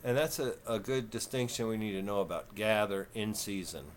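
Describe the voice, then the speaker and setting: A man in his fifties with a Texan southern twang, talking slow and folksy in a rambling, casual vlog. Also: lowish voice, slight background noise. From Texas. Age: 50s. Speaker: vlogger.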